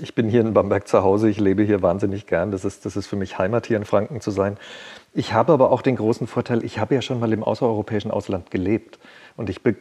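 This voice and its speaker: Man, podcast guest, husky voice, fast pace, earnest. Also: on the low side, darkish tone. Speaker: guest, lead candidate. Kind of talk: conversational podcast talk.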